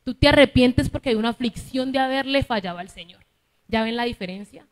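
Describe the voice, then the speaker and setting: A woman with a Cali Colombian accent preaches a teaching sermon, often stopping to ask her congregation for agreement. Her voice sits fairly high. It rings out with the long reverb of a church hall. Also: brisk. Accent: Colombian Spanish, Cali. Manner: teaching, asks listeners for agreement with "¿cierto?".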